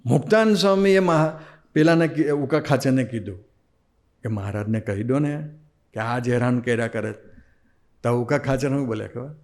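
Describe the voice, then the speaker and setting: Male swami with a Gujarati accent, sermon storyteller, plays out the quoted lines, mid-pitched voice. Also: moderate pace, pauses often. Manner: animated storyteller acting out quoted dialogue. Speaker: swami giving a discourse.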